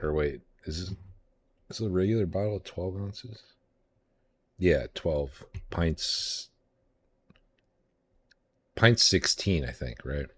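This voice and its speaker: A man's voice: low-pitched, expressive, takes it slowly, long pauses, fairly bright tone, breathy edge. A man hosting a show, chatting casually in a rambling, hesitant way with many fillers while drinking beer. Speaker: host. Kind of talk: casual chat.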